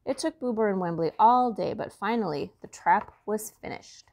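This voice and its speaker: A woman reading a children's storybook aloud, chatty and expressive. She tells the story to young listeners in a mid-range voice. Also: mid-range voice, moderate pace.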